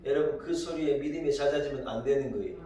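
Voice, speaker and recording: A male pastor preaching a sermon with emphatic, rising delivery that swells into loud exclamations, recorded in a church. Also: mid-range voice, quick pace, recorded from a distance. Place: church sanctuary. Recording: very echoey hall, voice from afar.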